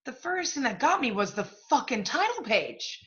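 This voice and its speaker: Playing a bossy literary agent in a one-act play, an actress delivers her lines with a sing-song lilt at normal speed, her fairly high voice a bit bright. The character comes across as blunt, profane, impatient, cynical and emphatic. Sound quality is slightly dull and lo-fi.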